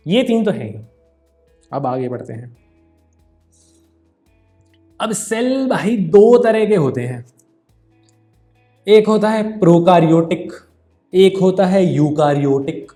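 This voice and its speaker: A man's voice: sits high, animated, takes it slowly, long pauses, mellow, soft background music. A man teaching a casual Hindi-English science lesson. He jokes, teases and calls the viewer brother. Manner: playful mispronunciations and asides. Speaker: online tutor.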